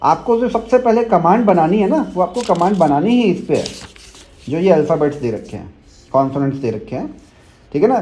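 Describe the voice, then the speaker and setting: A man's voice: sits high, warm tone. A man teaching a shorthand demo lesson, explaining step by step and checking often that his students follow.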